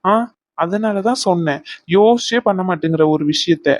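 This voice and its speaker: A woman's voice: on the low side, moderate pace, a little mellow, no echo, clean studio sound, close to an everyday voice. A woman voicing a young husband in a cartoon who coaxes, teases and pleads with his upset wife. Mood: teasing. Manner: coaxing, teasing and pleading. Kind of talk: cartoon voice acting.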